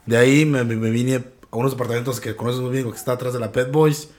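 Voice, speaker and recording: A man's voice: medium pitch, steady tone, fast, a little mellow. A man hosting a casual chat, slangy and teasing, laughing often. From grew up in California. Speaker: podcast host.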